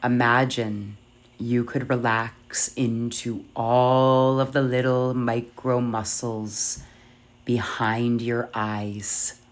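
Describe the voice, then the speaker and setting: A meditation guide leading yoga nidra in a soft, soothing, measured voice with long pauses. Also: medium pitch, level tone.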